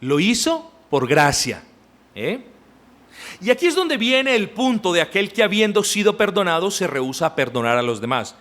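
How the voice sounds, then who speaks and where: A man's voice: high voice, big pitch swings, moderate pace, a bit bright. A man preaching a sermon as pastor, talking emphatically and directly to his congregation. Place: church.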